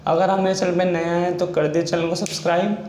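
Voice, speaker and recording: High-voiced man teaching in an echoey room. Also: level tone, fast, a little mellow. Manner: repetitive step-by-step explaining. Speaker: shorthand teacher. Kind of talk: explanatory video lesson. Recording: echoey room with faint noise.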